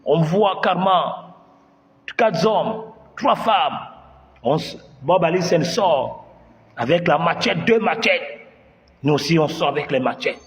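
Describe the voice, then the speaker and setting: Male comic storyteller, higher-pitched voice, long hall reverb, acts out every scene. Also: slow. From Gabon, Bitam area. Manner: animated, acts out scenes with voices and sound effects; asks the audience questions. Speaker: comedian storyteller.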